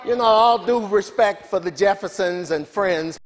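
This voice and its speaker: A man preaching a sermon as pastor, building passionately from measured lines to shouted calls. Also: high-pitched. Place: large church sanctuary with congregation. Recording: reverberant church hall, faint congregation.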